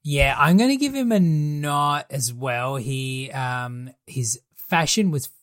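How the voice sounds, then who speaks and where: An Australian podcast host leading a segment in a slow, crude, joking way. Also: medium pitch, expressive, no echo, clean studio sound. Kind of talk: casual chat, segment hosting.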